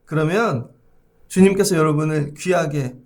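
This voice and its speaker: A male pastor delivers an early-morning sermon in a somewhat high, gravelly voice. He presses the congregation with rhetorical questions and acts out prayers along the way. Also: moderate pace, darkish tone. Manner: acts out prayers and quoted speech in his preaching.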